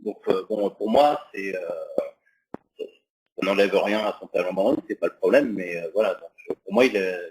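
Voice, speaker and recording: A French man chats casually on a podcast, circling his point with plenty of fillers. His voice sits a little low and has a husky edge. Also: moderate pace, darkish tone, poor audio. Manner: rambling, many fillers. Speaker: podcast co-host. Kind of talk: casual chat.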